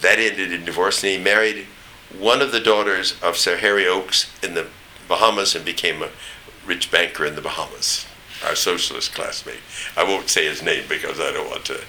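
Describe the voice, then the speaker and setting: Deep-voiced older man, standard American accent. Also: steady tone, moderate pace, few pauses, sharp tone, a little hiss or hum, rough recording. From East Tennessee, United States. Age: older, 70s or above. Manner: rambling, anecdotal, searching for names. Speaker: interviewee recounting memories. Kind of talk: oral history reminiscence.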